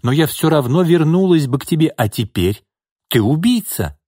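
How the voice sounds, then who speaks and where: A man's voice: lively intonation, moderate pace, darkish tone, no room sound, studio quality. A man reading an audiobook, voicing a furious, scheming young woman who screams and mocks. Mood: shrieking. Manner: shrill, screaming, mocking.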